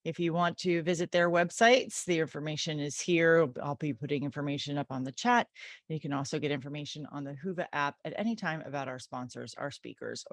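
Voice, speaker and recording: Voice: medium pitch, no room sound. A moderator with a mid-range voice opens an online event in an upbeat, announcing manner, stumbling now and then over fillers. The sound is dry and close. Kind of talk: event introduction.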